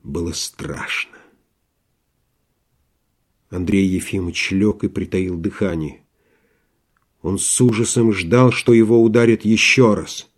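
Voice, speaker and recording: A man narrating a classic story in a measured, dramatic way. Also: low-pitched, steady tone. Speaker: audiobook reader. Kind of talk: literary narration.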